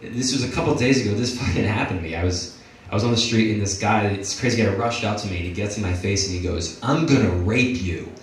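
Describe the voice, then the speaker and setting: A young man doing a stand-up set in a comedy club, talking in a halting way with many fillers and restarts. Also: on the low side, a little hiss or hum. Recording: echoey room from far off, crowd laughing.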